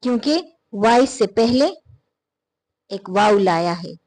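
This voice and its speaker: A woman's voice: mid-range voice, lively intonation, slow, a little mellow. A woman teaching an English phonology lesson, patiently repeating and spelling out words letter by letter.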